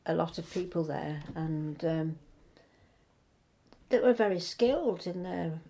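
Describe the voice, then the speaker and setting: Older woman from England, interviewee. Gravelly, husky voice; hesitant, meandering, conversational reminiscence. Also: lowish voice, expressive, unhurried, warm tone. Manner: hesitant, rambling, circles back to rephrase. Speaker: interviewee recalling local history.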